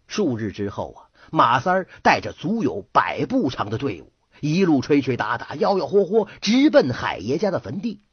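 A man full of tells a folk tale dramatic flair, his pitch leaping and plunging for emphasis. His voice is husky. The recording is dry and slightly dull. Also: no room sound. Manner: dramatic, with swooping emphasis and drawn-out phrases. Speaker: storyteller.

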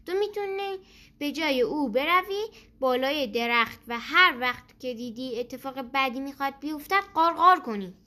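Storybook rooster, kind and helpful, slow and explaining, high voice, as a woman puts it on. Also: expressive, sharp tone.

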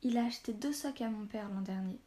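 A woman reading the lines of a nervous young blacksmith's son in a storybook, speaking in rushed, eager bursts. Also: medium pitch, dark tone, lightly acted. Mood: excited.

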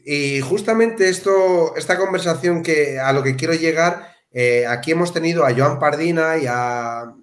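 A man's voice: on the high side, normal speed, hardly any pauses. Chatty male co-host with room echo. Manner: chatty, laughs between points. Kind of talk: casual interview chat. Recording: roomy echo.

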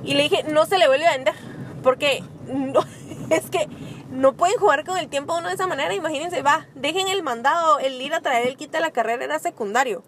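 Young Guatemalan woman, podcast co-host, high voice, expressive casual chat recorded in a car. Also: brisk, a little hiss or hum. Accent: Guatemalan Spanish. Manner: expressive, emphatic, laughs often. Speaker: podcast co-host, small bakery owner. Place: inside a parked car.

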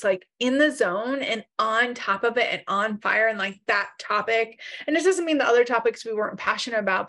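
A woman's voice: fairly high pitch, a bit bright. A woman co-hosting a podcast in casual chat, talkative and self-teasing, laughing easily, with a groggy morning voice. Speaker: podcast co-host.

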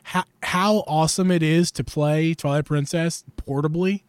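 A man in his twenties co-hosting a podcast, chatting casually and getting animated and jokey. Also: fairly high pitch, moderate pace, smooth, dry recording. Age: 20s. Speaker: podcast co-host. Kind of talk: casual chat.

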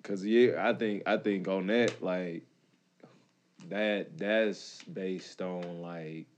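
A man's voice: deep voice, fairly even intonation, drawn-out words, a little hiss or hum. A man with a Detroit accent chatting casually as a podcast co-host, rambling with lots of fillers. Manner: laid-back, rambling with many fillers. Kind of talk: casual chat.

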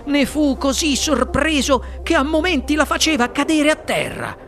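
Man reading a story aloud, calm, measured, unhurried, bright voice, soft music behind. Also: extremely high pitch. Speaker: audiobook reader. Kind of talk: scripted narration.

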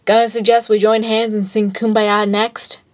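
A woman's voice: mid-range voice, animated, normal speed, natural voice. A woman voicing a brash, mocking male villain in a fan fiction reading, blunt and crude. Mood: dry. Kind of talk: fan fiction read aloud.

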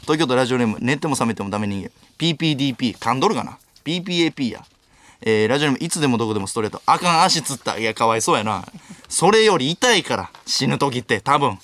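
A man in his twenties with a Kansai accent, hosting a late-night radio show alone, reading listener mail rapid-fire and snapping back sharp comic retorts. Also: medium pitch, expressive. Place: radio studio. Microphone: studio microphone.

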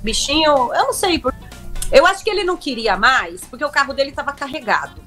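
A young woman tells a story as a guest, her voice sitting high and climbing higher as she acts out what people said. She talks in emotional, breathless bursts with frequent restarts, and soft music plays faintly behind her. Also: expressive, fairly quick. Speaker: guest, reality show contestant. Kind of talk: animated storytelling in a chat.

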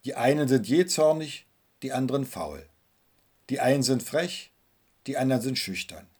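A male pastor with a husky voice telling a gentle Christmas story in his sermon. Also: mid-range voice, normal speed. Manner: gentle, storytelling, addresses listeners directly.

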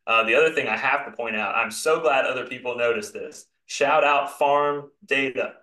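Bright-voiced man ranting in a roomy echo. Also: medium pitch, normal speed. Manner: emphatic, animated ranting. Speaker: podcast host. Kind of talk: casual sports chat.

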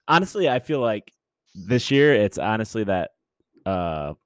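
A man's voice: on the low side, sing-song, a little slow, clean tone, dry recording, studio quality. A man co-hosting a casual sports chat, easygoing and loose, often restarting his sentences. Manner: easygoing, hesitant restarts, laughs along. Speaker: sports podcast co-host.

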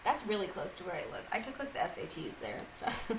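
A woman's voice: on the low side, very animated, quick pace, crowd noise, poor audio. A woman in her twenties co-hosting a casual chat podcast, laughing often and mimicking voices as she tells stories. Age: 20s. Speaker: podcast co-host.

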